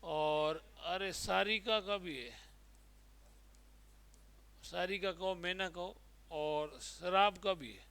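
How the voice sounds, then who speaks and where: A man's voice: high-pitched, drawn-out words, vocal fry, pauses often, a bit bright. A man with a Rajasthani Hindi accent teaching a Hindi exam-prep class, drilling words by repeating them and quizzing his students.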